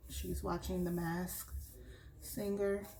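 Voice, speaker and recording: Sniffly from allergies, a woman walks through her tumbler craft tutorial at home, speaking slowly and relaxedly as she works. She has a lower voice with vocal fry, and the low-quality recording carries slight background noise.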